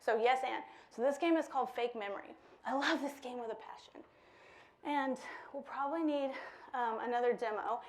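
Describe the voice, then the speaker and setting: A woman leading an interactive workshop before a live audience, lively and playful, laughing often. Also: on the high side, moderate pace, slight background noise. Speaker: workshop speaker. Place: lecture room with a live audience.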